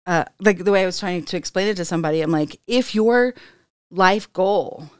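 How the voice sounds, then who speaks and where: This is a woman hosting a casual podcast chat, with a somewhat low voice. She tells stories in an animated, chatty way. Her voice sits in a dry, close recording with little room sound. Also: moderate pace, clean tone, dry recording. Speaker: podcast host. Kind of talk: casual conversation.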